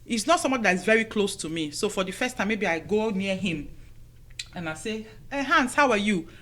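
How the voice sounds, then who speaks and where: A woman's voice: medium pitch, animated, a little fast, fairly bright tone. A middle-aged woman hosting a radio talk show from a studio, giving casual, motherly advice to women with lots of "you know" fillers.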